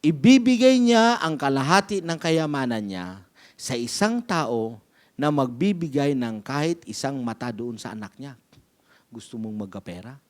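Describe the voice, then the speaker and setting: A man voicing a calm, wise old teacher who gives patient counsel in a story within a sermon. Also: medium pitch, moderate pace, voice pushed down, close to an everyday voice. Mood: coaxing.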